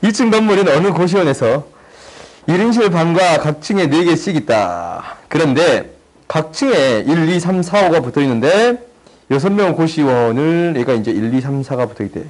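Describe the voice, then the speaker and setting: A young man tutoring high school math in a chatty, teasing way, often checking that students follow. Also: lively intonation, moderate pace, a little mellow, poor audio. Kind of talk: casual online math lesson.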